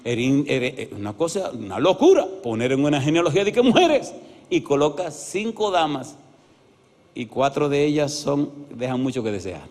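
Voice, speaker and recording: A man preaching an animated sermon as pastor, often asking the congregation yes-or-no questions and acting out voices in his stories. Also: fairly high pitch, normal speed. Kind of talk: lively evangelical sermon with acted-out stories. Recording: reverberant church hall.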